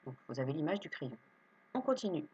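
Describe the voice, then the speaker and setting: A woman teaching young children to read, slowly sounding out syllables and words with patience. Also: sits low, sing-song, darkish tone, slightly rough, dull audio. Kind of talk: reading lesson for young children.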